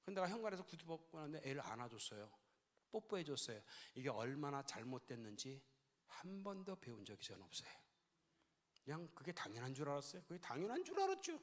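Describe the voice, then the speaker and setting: A man's voice: on the high side, very animated, fast talker. An older man giving a sermon-style lecture, telling stories with animation and acting out the dialogues. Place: large church hall. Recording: long church-hall reverb.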